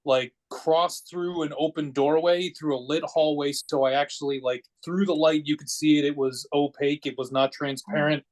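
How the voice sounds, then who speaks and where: A man's fairly high, steady voice moves at normal speed with few pauses. He's forty, from Connecticut in the United States, and has an American accent. As a podcast guest he shares personal stories casually, rambling but matter-of-fact.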